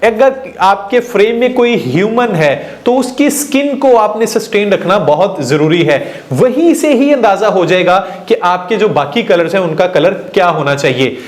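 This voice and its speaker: A man's voice: high voice, lively intonation, a little slow, few pauses. A man giving a screen-recorded video editing lesson, explaining each step and mixing English terms into his talk, with hesitant fillers. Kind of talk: screen-recorded software tutorial.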